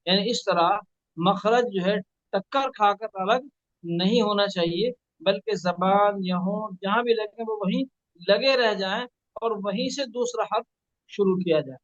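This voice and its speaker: A man teaching Quran reading one-on-one, patiently correcting and spelling out sounds slowly. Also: high-pitched, dry recording, muffled recording. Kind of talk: one-on-one recitation lesson.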